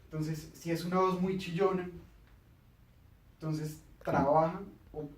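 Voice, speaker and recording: A man's voice: fairly high pitch, fairly even intonation, a little slow, echoey room, recorded from a distance, poor audio. A man hosting a casual studio chat, explaining communication tips and acting out little quoted exchanges.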